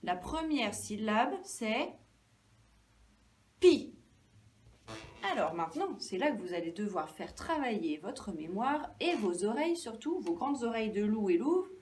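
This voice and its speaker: A woman teacher giving a lesson to young children, speaking slowly and clearly, stretching out syllables and encouraging them. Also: mid-range voice, sing-song, darkish tone, recorded from a distance.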